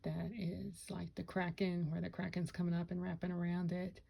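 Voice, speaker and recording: A woman's voice: fairly low pitch, completely flat delivery, normal speed, creaky, dark tone, low-quality recording. A woman chatting casually to camera about her Lego builds, rambling and correcting herself, with hiccups. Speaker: Lego vlogger. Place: home Lego room.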